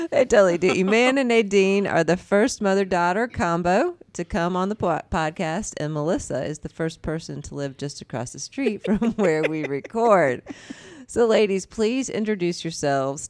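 A woman's voice: lowish voice, no echo. A woman hosting a faith podcast, introducing guests in casual chat and laughing often. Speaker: podcast host.

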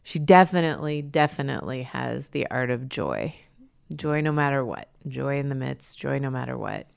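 A woman co-hosting a podcast in casual chat, chatty and quick to laugh. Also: rumbling low, gravelly, clear, resonant tone. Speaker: podcast co-host.

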